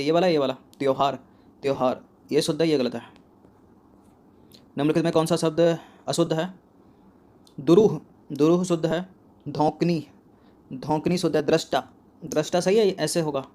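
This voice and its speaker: A man with a slightly high voice works through a spelling quiz like a coaching-class teacher. He repeats each word, asks a question and answers it himself, close on the mic. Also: steady tone, normal speed, pauses often, dark tone.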